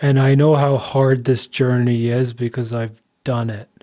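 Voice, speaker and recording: A man co-hosting a podcast, talking in an earnest, slow and deliberate way. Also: medium pitch, flat delivery, mellow. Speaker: podcast co-host. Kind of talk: reflective podcast talk.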